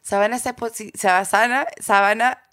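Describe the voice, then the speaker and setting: A woman chatting casually, teasing with quick quips. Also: medium pitch, steady tone, a bit bright. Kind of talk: casual chat.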